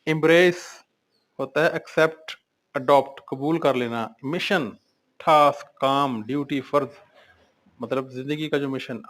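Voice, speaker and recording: A male English teacher with a slightly bright, mid-range voice works through a vocabulary lesson in Urdu. He reads each word aloud, then lists its synonyms and meanings.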